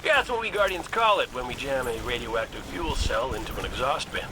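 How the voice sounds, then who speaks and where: A man's voice: medium pitch, animated, lightly acted, rough recording. An actor playing a wisecracking male gunslinger ally in a video game, breezy and joking. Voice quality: breezy, joking, quick asides. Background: game music.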